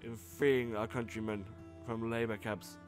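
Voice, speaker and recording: A man voicing a gruff old male resistance leader from a video game, speaking slowly. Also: on the low side, little pitch movement, soft background music, lightly acted. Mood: proud.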